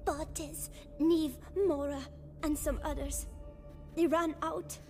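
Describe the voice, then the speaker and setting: A woman voicing a frightened little orphan boy who stammers and speaks in hushed, trembling bursts, in a video game. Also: sits high, steady tone, slow, soft background music. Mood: shaken.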